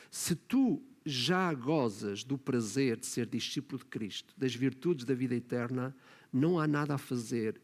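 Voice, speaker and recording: A man with a slightly high, slightly mellow voice and a European Portuguese accent delivers a sermon as pastor. He often adds tag questions and rises to emphatic points, and the recording carries the long reverb of a church hall.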